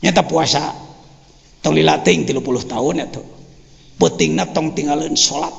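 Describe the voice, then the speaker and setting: High, gravelly older Sundanese-accented preacher. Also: male voice, normal speed. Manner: joking, animated teaching with frequent chuckles. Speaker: Islamic teacher. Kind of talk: religious lecture. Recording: dull lo-fi sound with long hall reverb.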